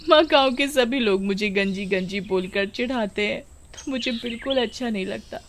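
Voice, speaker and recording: Casting: a timid, tearful young village girl, put on by a woman, storybook, high voice. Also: normal speed, slight background noise, natural voice. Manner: stammering, pleading.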